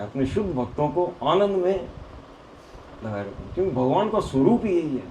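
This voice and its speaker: A man preacher telling devotional stories in an animated way, often laughing. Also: a little high. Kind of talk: devotional storytelling sermon. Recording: echoey hall with faint noise.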